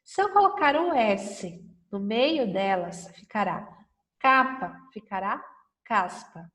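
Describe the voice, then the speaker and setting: A woman teacher correcting a lesson for first graders, talking slowly and patiently, stretching out words and often checking understanding. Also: mid-range voice, animated, a bit bright, big-room sound, distant mic. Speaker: primary school teacher.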